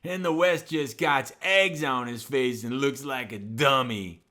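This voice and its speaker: A man's voice: mid-range voice, unhurried, pushed and bright, voice pushed down. A man voicing a folksy know-it-all male sidekick who drawls in loose, ungrammatical phrasing in comedic banter. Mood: smug.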